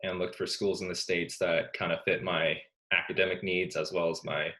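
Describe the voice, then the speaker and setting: A young man from Canada, a student athlete, answering interview questions in a relaxed, soft-spoken way with many ums. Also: low-pitched, normal speed, low-quality recording. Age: young adult.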